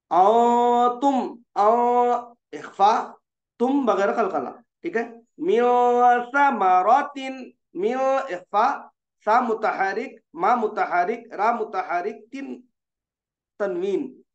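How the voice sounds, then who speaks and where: A man teaching Quran recitation rules, explaining patiently and stopping often to ask whether students have understood. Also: sits high. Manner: explains patiently, asks checking questions, slows for drawn-out examples. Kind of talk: online tajweed lesson. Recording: dull, echoey room sound.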